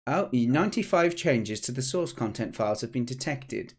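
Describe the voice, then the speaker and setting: Streaming a laid-back devlog from his home office desk mic, this thirty-something British game developer sounds a little hoarse. His talk is chatty and wandering, full of restarts, delivered in an animated mid-range voice at a moderate pace.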